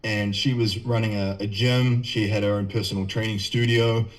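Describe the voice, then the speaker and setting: A man's voice: fairly low pitch, little pitch movement, normal speed. Easygoing New Zealand man. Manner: easygoing, loose and chatty, full of "you know" and "man". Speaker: podcast guest. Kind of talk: casual podcast chat.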